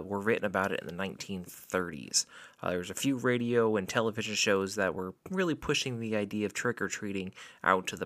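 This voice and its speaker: Male American podcast host, lowish voice, casual and informative delivery. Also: fairly bright tone. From Florida, USA.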